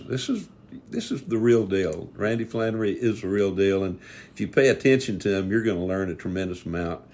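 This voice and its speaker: A man's voice: low-pitched, darkish tone, slight background noise. A man, a podcast host talking about hunting in a folksy, earnest, rambling way. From Texas. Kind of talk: casual podcast interview.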